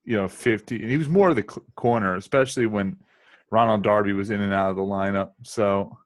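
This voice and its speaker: A man's voice: fairly low pitch, a little fast, no echo, clean studio sound. A man co-hosting a casual sports podcast, ribbing the others and laughing often. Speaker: podcast co-host.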